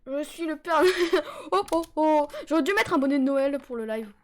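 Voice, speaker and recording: A woman streaming a game live on a headset, chatting with viewers in a joking, excitable way with sudden yelps. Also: high voice, moderate pace. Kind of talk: casual live-stream chat while gaming.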